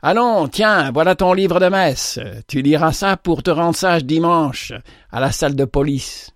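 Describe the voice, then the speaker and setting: A cheeky young soldier jeers at his comrades in a teasing, mocking voice, as a man puts him on. The pitch sits above the reader's own, with a dry, close sound. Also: measured pace, no room sound, natural voice.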